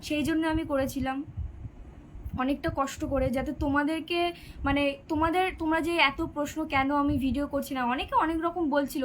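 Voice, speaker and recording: A woman's voice: high-pitched, a bit bright, slight background noise, rough recording. A sixteen-year-old girl chatting on a live stream, reading out viewers' comments and answering their questions. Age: teenager, 16. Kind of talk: casual live-stream chat.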